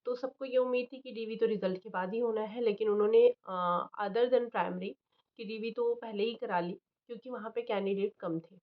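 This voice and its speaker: A woman's voice: fairly high pitch, normal speed. A young woman chatting casually about exam results, thinking aloud with fillers and restarts. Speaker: channel host, teaching job aspirant. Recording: slightly dull lo-fi recording.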